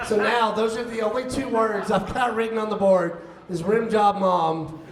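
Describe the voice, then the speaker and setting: High-voiced man telling a stand-up story. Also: moderate pace, crowd noise. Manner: animated, acts out quoted voices. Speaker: comedy teacher and show host. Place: live venue with audience. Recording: roomy live venue, somewhat distant mic, faint ambience.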